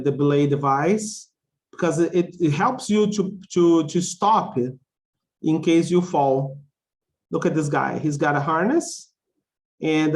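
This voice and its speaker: Slow-paced male English teacher, higher-pitched voice. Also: a little mellow. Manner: repetitive, simplified phrasing for learners. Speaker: English teacher of a conversation class. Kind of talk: instructional lesson, explaining simply with check questions.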